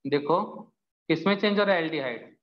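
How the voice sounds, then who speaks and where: A man's voice: on the high side, a little fast. A man teaching a chemistry class, patient and explaining step by step while answering students' doubts. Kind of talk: live online class. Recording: echoey, dull lo-fi sound.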